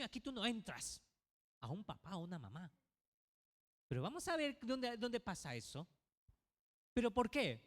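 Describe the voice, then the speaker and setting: A man's voice: very high-pitched, a bit bright. A male pastor preaching a sermon to his congregation, asking many rhetorical questions. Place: church. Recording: reverberant church hall.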